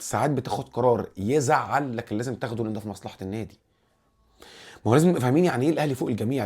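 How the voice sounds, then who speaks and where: Rapid-fire Egyptian football vlogger man. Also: medium pitch. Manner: animated, rambling, repeats and restarts words. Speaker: football channel host. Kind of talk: casual football commentary vlog.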